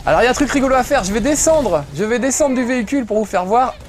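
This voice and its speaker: A man's voice: extremely high pitch, expressive, rapid-fire, a little hiss or hum. A middle-aged man giving joking, chatty commentary while playing a video game, swearing casually. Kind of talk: gameplay commentary.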